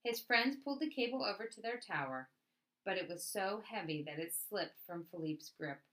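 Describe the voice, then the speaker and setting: A woman reading a picture book aloud as a storyteller, with expressive narration and dramatic emphasis on key words. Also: mid-range voice, moderate pace, poor audio.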